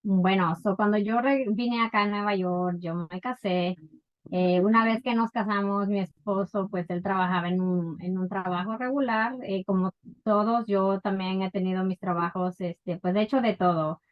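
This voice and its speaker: A woman from Ecuador telling her life story as an interview guest, unhurried and full of fillers. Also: medium pitch, fairly even intonation, lo-fi sound. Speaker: guest entrepreneur. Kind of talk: casual interview.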